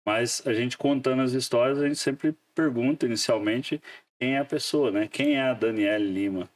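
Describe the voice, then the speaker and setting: A man's voice: mid-range voice, normal speed, distant mic. A man hosting a podcast in casual chat, joking and laughing often with frequent restarts. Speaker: podcast host.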